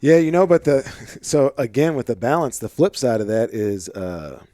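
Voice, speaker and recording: A man hosting a podcast, talking loosely and excitably, swearing and calling his guest "dude" and "man.". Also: medium pitch, moderate pace, no echo, clean studio sound. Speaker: podcast host. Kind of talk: casual conversation.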